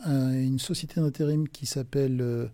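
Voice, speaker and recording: A man's voice: medium pitch, steady tone, moderate pace, mellow, no echo. A middle-aged man talking as a podcast guest in a casual interview, informal and hesitant, with many fillers and restarts. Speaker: podcast guest, recruitment firm director.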